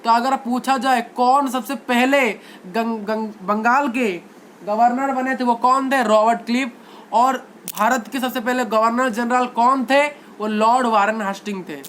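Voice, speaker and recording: A man's voice: very high voice, steady tone, a little slow, a bit bright, slight background noise. A male teacher giving a history lecture, constantly asking questions and answering them himself, repeating key words for emphasis.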